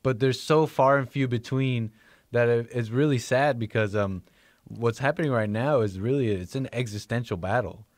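A man's voice: mid-range voice, normal speed, no room sound, studio quality. A man chatting on a talk show panel, offering rambling, hedging commentary. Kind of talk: casual talk show chat.

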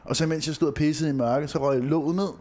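A man co-hosting a casual podcast, rambling through crude, funny anecdotes and sometimes acting out other people in a higher voice. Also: steady tone, darkish tone. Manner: rambling storyteller, crude jokes, acts out quoted kids in a high voice. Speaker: podcast co-host. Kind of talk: casual comedic chat.

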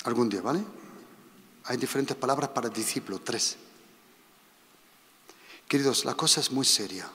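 A man from preaching a sermon, animated and repeating his instructions to the congregation. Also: mid-range voice, moderate pace, pauses often. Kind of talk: sermon with live demonstration. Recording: long reverb of a hall.

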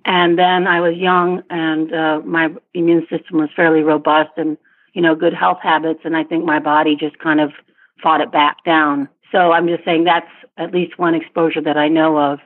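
A woman's voice: deep voice, level tone, normal speed. A middle-aged woman, born in Vietnam and raised in Asia and Africa, answering interview questions thoughtfully, with restarts and small laughs. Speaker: interview guest. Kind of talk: casual interview over a phone line. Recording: tinny phone line.

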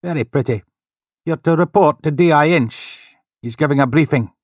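A man's voice: on the high side, normal speed, no echo, clean studio sound, voice pushed up, lightly acted. A man voicing a pointy-faced desk sergeant with a falsely polite, sly manner.

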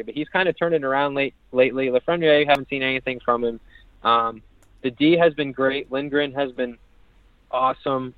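A man's voice: mid-range voice, no echo. A man chatting casually about hockey as a podcast co-host, rambling and leaning on filler words. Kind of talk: casual sports chat. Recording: tinny phone-like line, dry.

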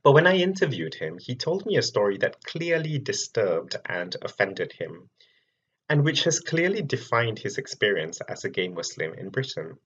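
A man from Malaysia, a researcher giving a prepared public talk, telling his story in a measured way with clear emphasis. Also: lowish voice, very animated, fairly bright tone, dull audio.

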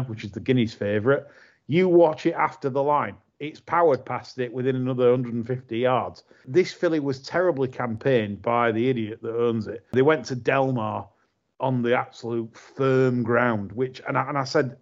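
A man hosting a casual podcast chat, talking in animated, exasperated bursts. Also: medium pitch, moderate pace. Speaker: podcast host. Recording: slightly muffled audio.

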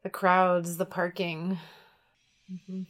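A young woman as a guest in a casual conversation, relaxed and laconic, often answering with short agreements. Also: lowish voice, slow. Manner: relaxed, laconic, lots of mm-hmms.

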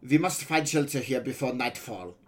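Male reader doing a practical boy pirate taking charge; calm, earnest, a touch brighter than the narration. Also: mid-range voice, moderate pace, lightly acted. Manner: earnest, matter-of-fact planning.

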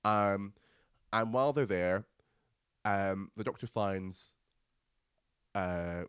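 Male co-host, very low, dry close sound, chatty and quick to laugh. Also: a bit bright, smooth, no room sound. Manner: chatty, laughs often, retells scenes with energy. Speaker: podcast co-host. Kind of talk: casual chat recapping a TV episode.

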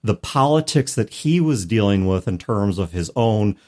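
With a lowish, darkish voice and lively intonation at a normal speed, an American man co-hosts a discussion podcast about role-playing games. His explanations come in long, carefully qualified sentences.

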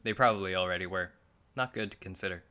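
A man hosting a solo comedy podcast, riffing crudely on strange news with bursts of mock outrage. His voice sits low but comes across bright and forceful. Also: fast. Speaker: podcast host.

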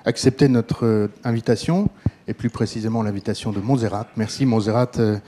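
A man's voice: lowish voice, brisk, dark tone, a little hiss or hum. A man opening a festival session, thanking guests with some hesitation. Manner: hesitant with fillers. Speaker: festival organizer. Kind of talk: welcome speech.

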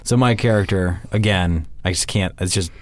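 A man's voice: sits low, moderate pace. A man co-hosting a casual podcast chat, rambling with many restarts and fillers. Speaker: podcast co-host.

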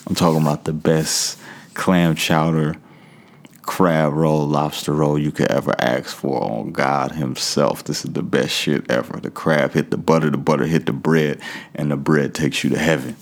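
A man's voice: very deep voice, level tone, moderate pace. A man hosting a podcast solo in a casual, slangy, conversational way, talking straight to his listeners. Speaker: podcast host.

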